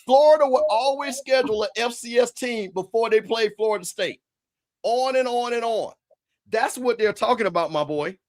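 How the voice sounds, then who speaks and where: A man's voice: very high voice, normal speed. A man hosting a casual sports talk show, brash and scolding as he corrects his listeners. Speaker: show host.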